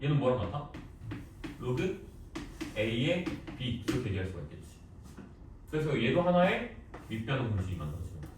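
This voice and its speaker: A man's voice: medium pitch, normal speed, long pauses. Guy teaching math in a classroom, teasing, voice bouncing around the room, faint background noise. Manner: lively, teasing, quizzes students with short questions. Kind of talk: classroom lecture. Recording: echoey classroom, voice from far off.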